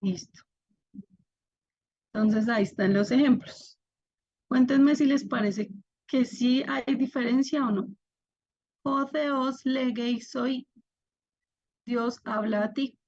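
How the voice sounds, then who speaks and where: A woman's voice: fairly high pitch, measured pace, long pauses, darkish tone, slightly rough, dull audio. A young woman teaching an online class, patiently explaining step by step and asking her students to react.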